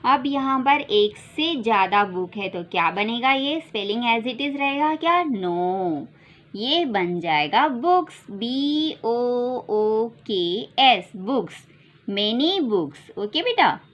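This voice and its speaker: A woman teaches English to small children, speaking slowly and spelling words out letter by letter. Her voice is bright and a little high. The recording sounds dull and lo-fi. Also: lively intonation. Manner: slow and sing-song, spelling words letter by letter; repeats questions and calls the listener "beta". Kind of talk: classroom lesson for young children.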